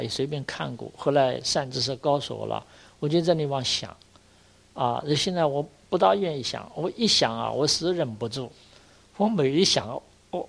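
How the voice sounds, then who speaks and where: Gravelly older monk giving a dharma lecture. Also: male voice, medium pitch. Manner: earnest, exhorting, many drawn-out "ah" fillers. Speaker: Buddhist monk teacher.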